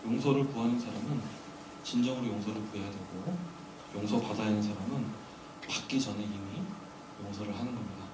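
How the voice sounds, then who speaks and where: A man's voice: fairly low pitch, a little fast. A man preaching a sermon to a congregation, earnest and full of rhetorical questions. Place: church sanctuary during a weekday service. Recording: echoey hall, distant mic, background noise.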